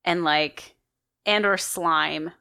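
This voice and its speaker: A woman co-hosting a podcast, reacting with exclamations and musing out loud in casual chat. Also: low-pitched, very slow, vocal fry, clean tone. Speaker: podcast co-host.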